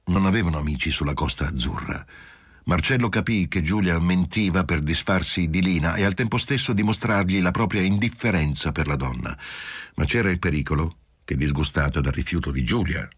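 A man reading a literary novel aloud as an audiobook narrator, steady and measured. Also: deep voice, breathy edge, no room sound, studio quality.

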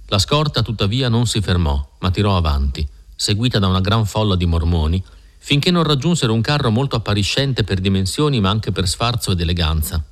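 A man narrating a classic novel in a measured, steady storytelling manner. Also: low-pitched. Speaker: audiobook narrator. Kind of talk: scripted literary narration.

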